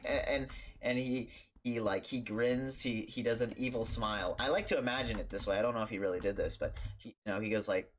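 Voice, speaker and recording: A man's voice: fairly low pitch, a little fast, a little hiss or hum. A young man telling a childhood story for a storytime vlog, rambling and stammering with lots of fillers.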